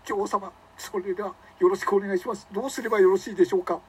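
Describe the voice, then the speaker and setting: A man's voice: sits high, steady tone, very fast, husky, pitched above the performer's own voice. A man playing a groveling man who whimpers and begs his queen in a comedy skit. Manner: whimpering, overly eager.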